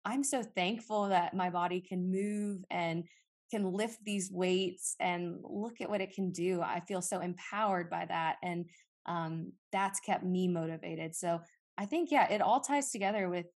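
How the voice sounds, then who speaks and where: A woman co-hosts a casual podcast, chatting in a rambling, personal way with plenty of fillers. Her voice leans low, with a measured pace and a darkish tone.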